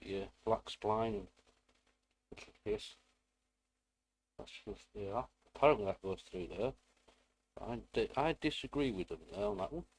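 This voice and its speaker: A man's voice: fairly low pitch, lively intonation, measured pace, long pauses, low-quality recording. A British man giving a casual hands-on build tutorial in a rambling, self-deprecating way with playful asides. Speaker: hobbyist presenter.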